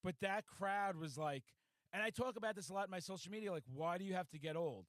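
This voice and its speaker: A man in his forties hosting a podcast in a hyper, loud, profanity-laced ranting manner. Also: sits high, fast, no echo. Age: 40s. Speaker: podcast host. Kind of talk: casual podcast chat.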